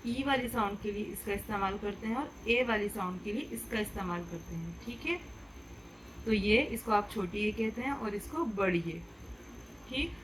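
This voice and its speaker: A woman gives an online kindergarten lesson in a patient, step-by-step manner. She spells out each letter clearly so the children can say it after her. A faint hiss sits under the recording. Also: medium pitch. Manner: patient, slow, explains step by step; drills letters aloud for children to repeat. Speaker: teacher.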